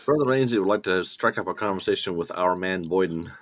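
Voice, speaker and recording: A man's voice: sits low, fast talker. A man playing a tabletop role-playing game, moving between narration and theatrical in-character speech.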